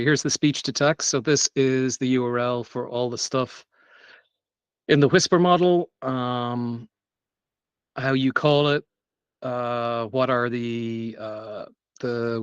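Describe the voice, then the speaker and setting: A man's voice: mid-range voice, clear, resonant tone, no room sound. A man giving an unscripted technical meetup presentation, talking loosely with many ums and restarts. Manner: loose, filler-heavy delivery with frequent ums and restarts. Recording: dull lo-fi sound.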